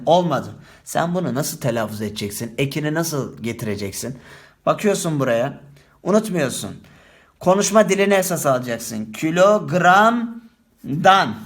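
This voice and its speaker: A male teacher giving a spelling lesson, talking straight to his students and stretching key words slowly for emphasis. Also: on the high side. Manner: addresses viewers directly, lively teacherly tone.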